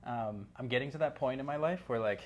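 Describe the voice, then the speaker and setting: A man's voice: medium pitch, a little fast. A man in his thirties from Canada, chatting loosely as a guest, with lots of "like" and restarts. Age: 30s. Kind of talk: casual interview chat.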